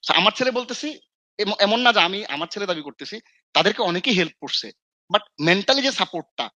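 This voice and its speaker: A man's voice: high-pitched, lively intonation, brisk, bright, forceful tone, no room sound. A man from Bangladesh, mentoring students in casual talk, who acts out his scolding and mixes in English phrases. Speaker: Islamic scholar and mentor.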